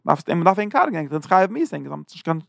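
Gravelly fast-talking male Bible teacher. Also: a little high, dry recording, clean studio sound. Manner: lively retelling in loose, halting phrases. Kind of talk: informal Bible lesson.

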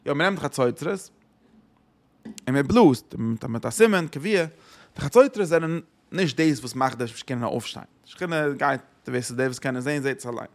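A man's voice: mid-range voice, expressive, normal speed. A man giving a religious lesson who asks rhetorical questions and repeats his phrases. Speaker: Torah teacher.

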